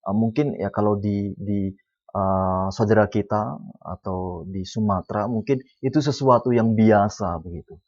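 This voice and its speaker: A man preaching a sermon, who drops to quiet asides and then rises to loud, emphatic lines. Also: fairly low pitch, a little slow. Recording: dull lo-fi sound.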